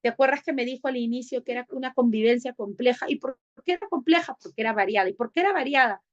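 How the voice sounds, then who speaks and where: A woman leads an online class, coaxing and affectionate as she keeps asking whether everyone has understood. Her voice sits fairly high. The recording sounds dull and lo-fi. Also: fast. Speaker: teacher.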